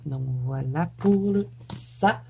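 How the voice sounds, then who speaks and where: A woman's voice: lowish voice, slow, vocal fry, mellow, a little hiss or hum. Chatty Quebec French woman, laughing often. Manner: chatty, laughs often, trips over words. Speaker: YouTuber. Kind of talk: casual show-and-tell vlog.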